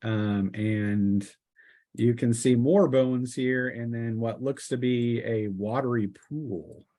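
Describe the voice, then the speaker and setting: A man narrating a tabletop roleplaying game as game master, improvising in a halting way with pauses mid-sentence. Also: medium pitch, fairly even intonation, warm tone.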